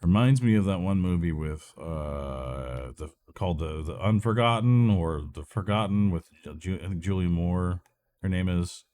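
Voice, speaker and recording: In casual gameplay commentary, a man with a low, slightly mellow voice talks at a normal speed while he plays a video game. He's a let's play gamer recovering from illness, so he sounds congested, stuffy and nasal as he rambles and thinks out loud.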